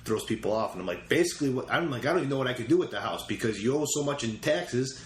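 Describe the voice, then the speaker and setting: A man's voice: mid-range voice, lively intonation, fast. A man, a real estate investor guest, casually telling stories and retelling his conversations with quoted lines. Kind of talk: casual storytelling interview. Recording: roomy echo with faint ambient noise.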